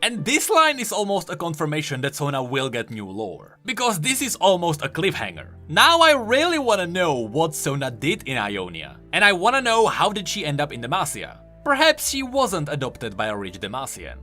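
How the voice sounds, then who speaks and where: A man hosts a video game lore explainer, reading a script with emphatic, dramatic storytelling over a music bed. His fairly high voice swings hugely in pitch and sounds sharp, moving at a moderate pace with hardly any pauses.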